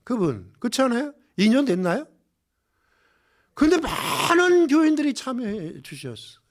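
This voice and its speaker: Brief: male pastor preaching, high voice, swings from loud exclamations to hushed lows, rhetorical questions. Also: very animated, moderate pace. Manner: impassioned, swings between loud exclamations and hushed low passages; addresses the congregation with rhetorical questions. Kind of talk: sermon. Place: church.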